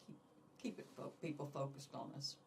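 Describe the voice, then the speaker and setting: Gravelly-voiced woman in her eighties. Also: very deep voice, a little fast, darkish tone, slight background noise. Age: 80s. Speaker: interview guest, community volunteer. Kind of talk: casual interview chat. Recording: voice picked up from a distance.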